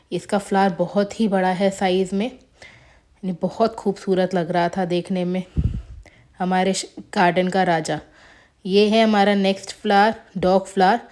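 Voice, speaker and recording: A woman's voice: medium pitch, warm tone. A woman casually narrating a tour of her flowering plants as a gardening vlogger, chatty and showing each plant in turn. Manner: chatty, shows plants one by one.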